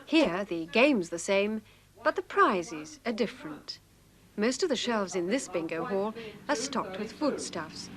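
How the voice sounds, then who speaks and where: A woman's voice: medium pitch, animated, a little slow. Woman reporter narrating over crowd bustle. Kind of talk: scripted narration.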